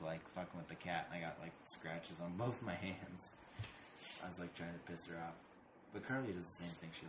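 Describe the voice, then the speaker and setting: A man co-hosting a podcast, telling crude stories with a swinging, lively pitch and a slightly low voice. The sound is roomy, with clear noise behind it. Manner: profane storytelling, animated impressions. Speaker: podcast co-host. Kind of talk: casual chat.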